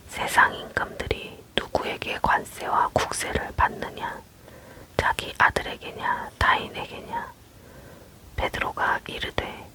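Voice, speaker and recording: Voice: very high voice, sharp tone. Someone leaning in whispering bible verses asmr style, right up on the mic, all whisper. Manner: leaning in to whisper, close and unvoiced throughout. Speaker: Bible reader. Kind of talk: whispered ASMR scripture reading.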